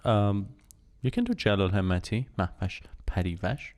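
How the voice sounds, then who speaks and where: A man's voice: lowish voice, lively intonation, normal speed, darkish tone. A man co-hosting a podcast late at night, answering with short, dry, teasing quips. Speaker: podcast co-host. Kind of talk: casual late-night chat.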